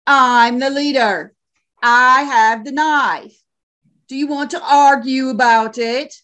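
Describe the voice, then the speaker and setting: A woman's voice: high-pitched, steady tone, slow, fairly bright tone. A woman playing a brutal male convict who leads his tribe, bullying and barking orders.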